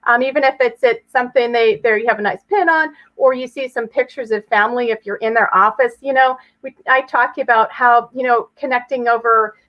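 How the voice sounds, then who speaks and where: A woman's voice: on the high side, fairly even intonation, a little fast, few pauses. A woman speaking as an interview guest, explaining things conversationally and chattily with everyday examples. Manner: chatty, illustrates with hypothetical examples. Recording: slightly dull, lo-fi audio.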